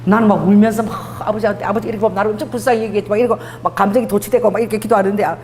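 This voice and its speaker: A woman's voice: medium pitch, very fast, a little hiss or hum. A middle-aged woman pastor with a Busan accent preaching a sermon, telling stories animatedly and acting out dialogue. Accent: Busan dialect. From Busan, South Korea. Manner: animated storytelling, acts out dialogue, laughs often. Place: church sanctuary. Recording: long hall reverb.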